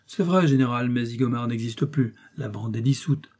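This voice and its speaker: A man reading as a brisk, shrewd detective. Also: mid-range voice, darkish tone, lightly acted. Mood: brisk, assured. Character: shrewd confident male police detective in disguise.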